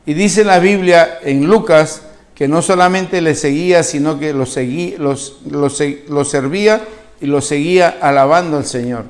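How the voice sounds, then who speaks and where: Animated Venezuelan pastor preaching. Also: male voice, on the high side. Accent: Venezuelan Spanish. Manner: animated storytelling, asks the congregation questions; acts out the quoted speakers with a shifting voice. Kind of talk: sermon.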